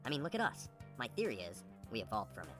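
Man voicing a quick, rambling penguin dad, mid pitch, music under him. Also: wildly swooping pitch, fairly bright tone. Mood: earnest.

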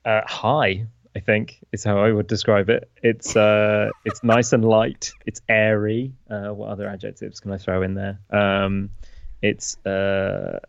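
A man's voice: fairly low pitch, level tone, measured pace, vocal fry, no echo. A man with an English accent chatting casually as a podcast co-host, recorded a little dull on a remote call. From England. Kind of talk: casual chat. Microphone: remote video call.

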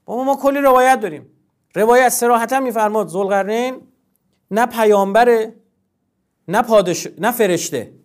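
Man, high voice, emphatic, formal, lecturing, guest in a religious discussion. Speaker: guest scholar.

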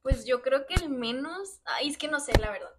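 Young woman, Mexican accent, casual podcast chat, chatty, slightly high voice. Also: expressive, moderate pace, heavy background noise. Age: young adult. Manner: chatty, full of fillers and giggles. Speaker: podcast co-host.

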